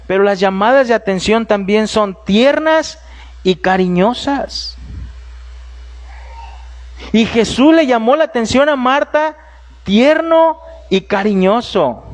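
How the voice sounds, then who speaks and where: A man preacher giving a sermon in a church, animated and storytelling, with humorous asides and direct address to his listeners. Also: high voice.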